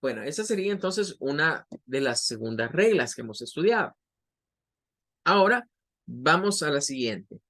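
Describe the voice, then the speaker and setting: A man's voice: fairly high pitch, very animated, normal speed, sharp tone. A man teaching an English pronunciation class in Spanish, patiently explaining and stretching out the example words. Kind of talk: online class lesson.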